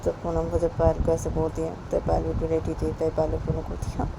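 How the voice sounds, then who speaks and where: A woman casually narrating a romance story in a low-key, loose, repetitive way. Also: completely flat delivery, fairly quick, vocal fry, background noise.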